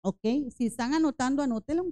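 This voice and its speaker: A woman's voice: high-pitched, fast, mellow. A woman in her forties preaching a Bible study in a church, earnest and tired, often turning to the congregation with asides. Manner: earnest, repeats "hermanos" and "¿verdad?". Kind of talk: sermon-style Bible study.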